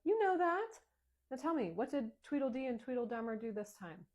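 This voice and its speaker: A woman's voice: a little high, very animated, a little fast, voice pushed up. A woman playing a fawning principal who gushes in a chummy way. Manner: gushing, chummy.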